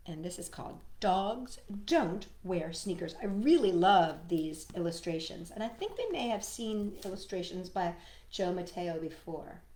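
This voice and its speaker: This woman's voice is on the low side and warm, with noticeable reverb. She leads a children's storytime alongside a puppet, reading, singing and playfully addressing the little ones listening.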